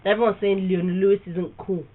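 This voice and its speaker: A woman's voice: mid-range voice, fairly even intonation, brisk. A woman co-hosting a music podcast, making emphatic, opinionated points in casual chat. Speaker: podcast co-host. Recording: narrow phone-like sound.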